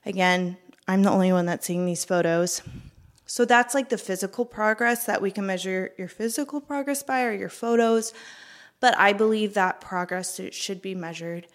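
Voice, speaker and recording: A woman's voice: mid-range voice, moderate pace. Give me a chatty young woman coaching her viewers, slightly breathless and upbeat. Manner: chatty, upbeat, filler-heavy. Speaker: fitness coach. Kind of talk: casual talk to camera.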